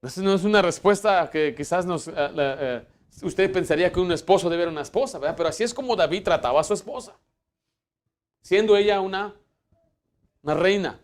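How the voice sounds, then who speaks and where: A man preaching a sermon as pastor, emphatic and full of restarts, swinging between loud points and quiet asides in a church. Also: high voice, fairly quick. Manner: emphatic preaching, rising for Bible quotes and dropping to hushed asides; fillers and restarts.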